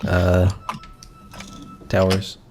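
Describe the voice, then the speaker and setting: A man's voice: deep voice, monotone, very slow, over music. A man narrating as game master, hesitant with many fillers.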